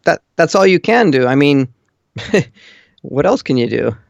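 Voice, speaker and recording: A caller living in Japan chats casually over an online voice call, offering blunt, matter-of-fact opinions. His fairly high voice has lively intonation, a measured pace and vocal fry, with no room sound, though the internet call itself sounds muffled and lo-fi.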